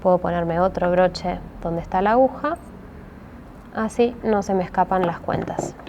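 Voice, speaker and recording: Background noise accompanies this craft lesson from a Rioplatense-accented woman who walks listeners through each step with patience. She hesitates a lot and keeps asking "¿sí?" in a lowish voice at normal speed.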